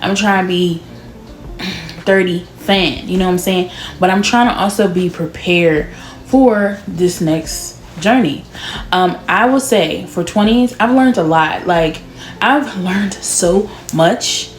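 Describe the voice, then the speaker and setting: A woman in her late twenties chatting casually to camera as a vlogger, with drawn-out words and laughs. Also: lowish voice, a little hiss or hum. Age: 20s. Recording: echoey room with faint music.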